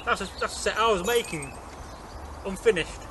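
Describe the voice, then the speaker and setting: A man's voice: high-pitched, expressive, normal speed. A middle-aged man with an East Midlands, Derbyshire accent, chatting casually as he shows and explains things. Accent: East Midlands English (Derbyshire). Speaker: co-host, Viking re-enactor and craftsman. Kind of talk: casual show-and-tell chat. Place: outdoors in a leafy garden. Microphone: camera a few metres away. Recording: outdoor noise, birds and distant traffic.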